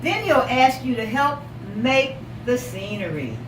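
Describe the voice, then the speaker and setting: A high, lively woman teacher leads an interactive read-aloud for young children, asking questions and encouragingly repeating what they say. She lingers on story words for expressive emphasis, and the far-off mic records room echo and loud background noise.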